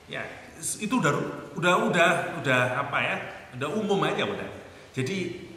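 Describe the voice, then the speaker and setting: A man's voice: mid-range voice, sharp tone, slight background noise. A man gives a conversational Islamic sermon. He jokes with the listeners and recites Arabic verses. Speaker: preacher. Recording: echoey hall with faint ambience.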